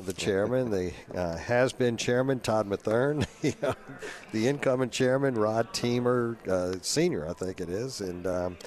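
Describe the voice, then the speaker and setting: A man's voice: medium pitch, a little mellow. A man hosting a live radio interview, chatty and laughing easily with rambling asides. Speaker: radio host.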